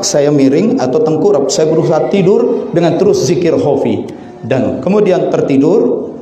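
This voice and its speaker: A middle-aged male Sufi preacher, telling a story in a sermon and leaping into high, excited bursts. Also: a little hiss or hum. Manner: calls himself the one telling a sick man's story. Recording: echoey room with faint ambience.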